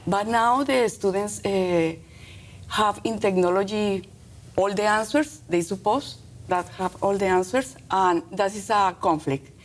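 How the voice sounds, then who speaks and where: Speaking as a teacher in an interview, this middle-aged woman from Colombia uses halting, sincere English marked by short, emphatic phrases and a Colombian accent, Spanish being her native tongue. Her pitch is medium, and there's slight background noise.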